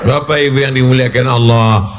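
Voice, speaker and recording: A man preaching a lively, humorous sermon at a public gathering. He teases the listeners, asks them to agree, and shouts out his punchlines. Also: mid-range voice, a little fast, background noise. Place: public religious gathering with officials.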